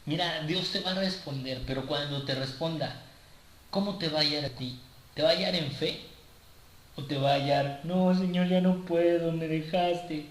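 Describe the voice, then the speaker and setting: A man preaching a sermon with a personal testimony, talking haltingly with many repeated words and restarts. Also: on the high side, fairly bright tone, a little hiss or hum. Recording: echoey room with faint ambience.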